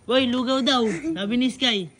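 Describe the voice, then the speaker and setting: A woman with a high voice teases and reacts quickly in casual vlog banter. Noise runs behind her voice throughout. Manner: teasing, laughing, quick reactions. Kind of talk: casual chat. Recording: noisy background.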